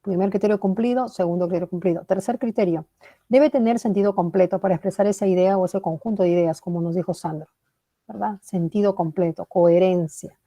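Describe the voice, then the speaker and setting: A woman's voice: medium pitch, fairly even intonation, brisk, mellow. A woman teaching a language class, explaining step by step, praising students by name and checking in with "¿verdad?". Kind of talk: online class lecture.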